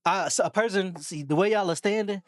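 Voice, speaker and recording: A woman directing performers on a music video set, giving quick encouraging cues and instructions. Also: medium pitch, dry recording, clean studio sound.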